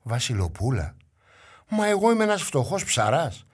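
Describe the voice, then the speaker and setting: A man's voice: mid-range voice, big pitch swings, slightly rough. A man doing a kind, humble poor fisherman. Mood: earnest, humble.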